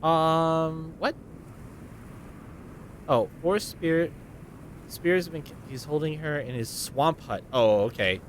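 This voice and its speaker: A man's voice: on the high side, steady tone, takes it slowly, pauses often, slight background noise. A man giving casual let's play commentary, informally muttering reactions to the game as he plays. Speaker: gamer playing and commenting.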